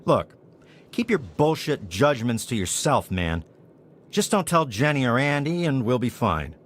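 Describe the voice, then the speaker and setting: A man's voice: medium pitch, big pitch swings, a little slow, fairly bright tone, a little hiss or hum. A man voicing a defensive, evasive and irritable small-time drug dealer in a video game. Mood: defensive, irritated. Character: defensive, touchy male junkie selling drugs on the side. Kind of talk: video game character dialogue.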